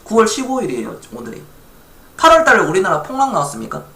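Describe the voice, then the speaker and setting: A man from Gwangju chats casually on a live stock-investing stream and reads viewer chat aloud. His voice bounces up and down with a bright, forceful edge. The room rings with noticeable echo. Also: sits high, huge pitch swings, quick pace. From Gwangju, South Korea.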